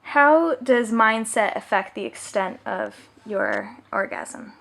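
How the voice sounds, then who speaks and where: A female interviewer asks plain questions slowly, with a lively, fairly high voice. Her voice has a gravelly edge.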